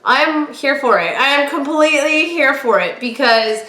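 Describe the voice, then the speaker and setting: Bright, gushing young woman. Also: high voice, animated, normal speed. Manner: gushing, chatty, laughs often. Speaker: podcast host. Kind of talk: casual recap chat. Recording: echoey room.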